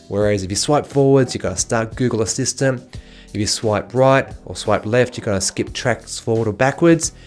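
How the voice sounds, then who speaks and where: A man's voice: medium pitch, a little mellow. A man narrating a casual product review as a video host. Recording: music playing behind the voice.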